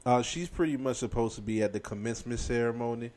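A man's voice: mid-range voice, quick pace, a little mellow. A man co-hosting a podcast from home, talking bluntly and teasing his co-host. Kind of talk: casual chat.

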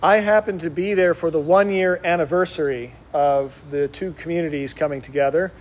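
A middle-aged Benedictine monk from Wisconsin gives an informal spiritual conference to oblates, talking conversationally with frequent ums and uhs. His voice is a little high and his pace a little fast.

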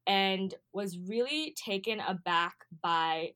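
A young American woman, a student advocate, is a guest on an interview show and answers hesitantly, with many ums and restarts. Her mid-range voice is animated, fairly bright and smooth, and she speaks slowly.

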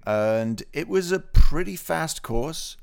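Smooth-voiced man giving a race rundown. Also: on the high side, takes it slowly. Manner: relaxed, rambling race report with fillers. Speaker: podcast co-host. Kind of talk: casual podcast chat.

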